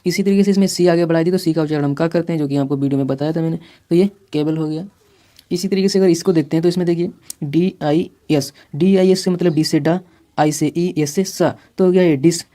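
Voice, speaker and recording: Woman phonics teacher, deep mellow voice, patient and repetitive. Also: fairly even intonation. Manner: patient, repetitive, slow sounding-out of words. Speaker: English teacher. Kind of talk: spoken phonics lesson.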